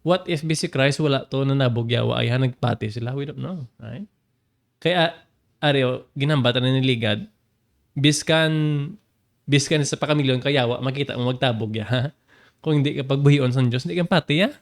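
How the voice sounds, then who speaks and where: A man teaching a Bible passage, animated and laughing often, jumping up in pitch to stress a point. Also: moderate pace, creaky. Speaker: preacher.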